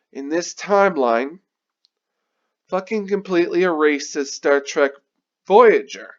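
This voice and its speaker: A man giving an angry, sweary movie review, repeating himself as he rants. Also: high voice. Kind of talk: ranting video review. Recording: dull lo-fi recording.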